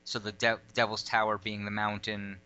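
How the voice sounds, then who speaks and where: A man of ordinary pitch talks in a rambling, digressive way, full of "uh" and "you know". His voice is bright and crisp, and the sound is a little dull and lo-fi. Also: completely flat delivery, normal speed. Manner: rambling, digressive, lots of fillers. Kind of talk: casual chat. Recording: lo-fi audio.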